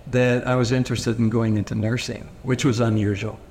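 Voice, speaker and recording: In a brisk, creaky, mid-range voice with a darkish tone and level delivery, a man from Pennsylvania reminisces about growing up during an oral history interview. Pennsylvania Dutch is his first language, and he hesitates often, using many fillers and starting over. Long reverb and faint noise mark the recording.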